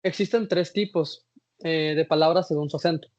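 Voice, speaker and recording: A man's voice: on the high side, normal speed, a little mellow. A man giving a class presentation, reading from slides with some hesitations and restarts. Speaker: student presenter. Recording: dull lo-fi recording.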